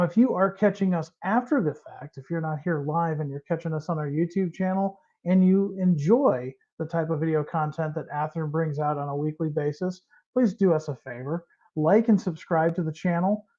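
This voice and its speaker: Guy hosting a live stream, mellow voice a bit strained from allergies, kinda muffled lo-fi sound. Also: high-pitched. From Central Illinois. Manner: folksy, chatty, reads out viewer names. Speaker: host of a live model train show.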